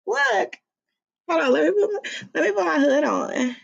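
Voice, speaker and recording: A woman's voice: high-pitched, expressive, brisk, vocal fry, muffled recording. A woman with a Southern US accent chatting casually and playfully on an informal livestream, recorded through a laptop's built-in microphone. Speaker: livestream host and author. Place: room at home, seated on beanbag. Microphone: laptop's built-in mic, no plugged-in microphone.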